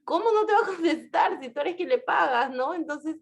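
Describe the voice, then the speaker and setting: Woman lawyer telling stories, higher voice. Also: normal speed, gravelly. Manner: storytelling with frequent tag questions; animated, shifts pitch for quoted speech. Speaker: lawyer giving a talk. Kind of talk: casual anecdotal talk.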